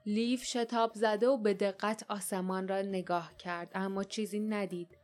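A woman reading an adventure story aloud as an audiobook narrator, with steady storytelling. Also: medium pitch, soft background music. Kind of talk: scripted narration.

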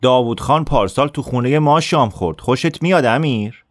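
A man's voice: mid-range voice, dry recording, clean studio sound, voice pushed up, close to an everyday voice. A man voicing a cruel, arrogant teenage boy who taunts and jeers in a raised voice. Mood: sneering. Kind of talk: audiobook character voice.

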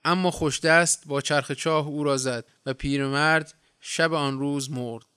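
A man narrates a story in a measured, even way. His voice is smooth and fairly high, and it sounds close and dry. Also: no echo. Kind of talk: audiobook narration.

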